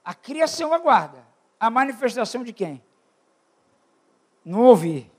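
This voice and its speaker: An older man preaching a sermon at a church retreat, asking the congregation questions and calling for amens. He swings between loud shouted peaks and low quiet asides. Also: sing-song, a little slow, breathy edge.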